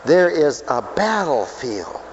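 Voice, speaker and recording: High-voiced man preaching a sermon. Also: very animated, takes it slowly, lo-fi sound, slight background noise. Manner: swings between loud preaching and low asides, asks the crowd questions.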